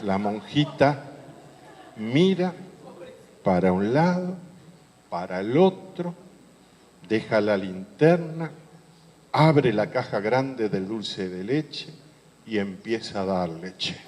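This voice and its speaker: A man's voice: fairly low pitch, expressive, slow, pauses often, darkish tone. A priest tells a humorous anecdote during a sermon, adding playful asides to his listeners. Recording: long hall reverb.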